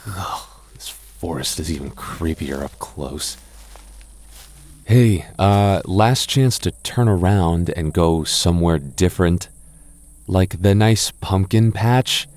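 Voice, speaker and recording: Sitting low, slow and a little mellow, the voice belongs to a young man acting as a skittish yet protective goth boyfriend in a roleplay audio drama. He hesitates, stammers and sighs, sounding nervous and exasperated.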